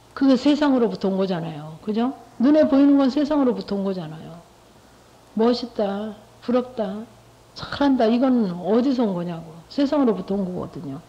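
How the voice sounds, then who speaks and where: A woman's voice: a little high, dark tone. Middle-aged woman testifying, dull lo-fi. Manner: conversational, repetitive, with rhetorical questions to listeners. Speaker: lay church speaker giving testimony. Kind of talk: testimony talk to a church group. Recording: dull lo-fi recording.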